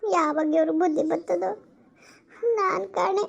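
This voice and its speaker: A woman voicing a tearful, hurt pregnant young wife in an animated story, speaking in plaintive complaints. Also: extremely high pitch, moderate pace, creaky. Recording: lo-fi, dull voice-over.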